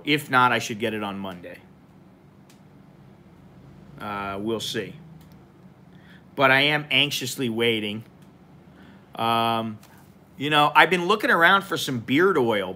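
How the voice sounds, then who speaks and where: A man's voice: medium pitch, bright, forceful tone. A man in his forties rambling casually and informally on a live stream, with plenty of fillers, filmed close up by a camera in a small indoor room.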